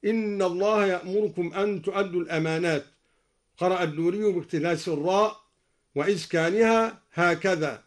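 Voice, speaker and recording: Egyptian man, high voice, radio recitation teacher; quick explanations broken by slow chanted demos. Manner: alternates brisk explanation with slow chanted demonstrations. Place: radio studio.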